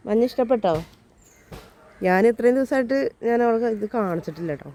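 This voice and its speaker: A woman with a Malayali accent, chatting casually in a family vlog and teasing her child, her voice rough from a lasting cold. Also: fairly high pitch, lively intonation, fast talker, mellow. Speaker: vlogger, mother. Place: outdoors.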